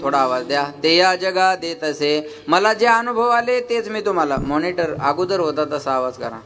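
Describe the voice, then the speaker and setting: A kirtan preacher delivers a devotional sermon with sung verses, speaking in a slightly high, fairly bright, expressive voice at a moderate pace. He cracks jokes and keeps prompting the audience to answer him back.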